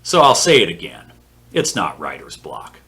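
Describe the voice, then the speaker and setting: A man's voice: sits low, wildly swooping pitch, normal speed, sharp tone. A man in his fifties hosting a writing-advice vlog from his home office, blunt and scornful, swearing now and then. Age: 50s. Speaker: author and vlog host.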